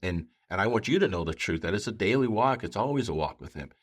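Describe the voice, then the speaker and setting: Deep-voiced man, earnest and conversational. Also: lively intonation, fast talker. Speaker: pastor. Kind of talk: conversational podcast talk with storytelling.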